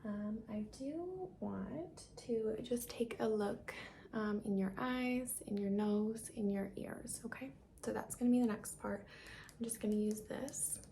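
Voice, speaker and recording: A woman in an ASMR role-play as a caring doctor, speaking softly and breathily with gentle reassurance. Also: on the high side, measured pace, a little hiss or hum. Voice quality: breathy, soft. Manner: soft-spoken, gentle, reassuring, soft-spoken. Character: caring, reassuring female doctor giving a check-up. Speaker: ASMR performer playing a doctor.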